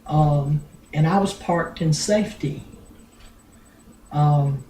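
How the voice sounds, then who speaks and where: An older grandmother telling a family story in a rambling, blunt way, with many pauses and restarts. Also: deep voice, mellow, slight background noise. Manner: blunt, earthy, with mild swearing. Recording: roomy home recording.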